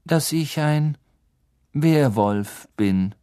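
A man reading an audiobook, voicing a middle-aged male teacher who speaks with measured, tense restraint. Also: on the high side, expressive, mellow, smooth, voice pushed up.

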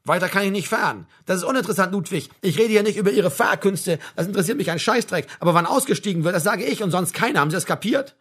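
This is a blunt army sergeant major with a hair-trigger temper, put on by a man reading a novel aloud. He snaps and scolds in a raised, higher voice. He sits well above the calm narration. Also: quick pace, breathy edge. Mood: barking. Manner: barking, scolding commands. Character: loud blunt male sergeant major, bossy and short-tempered. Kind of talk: audiobook character voice.

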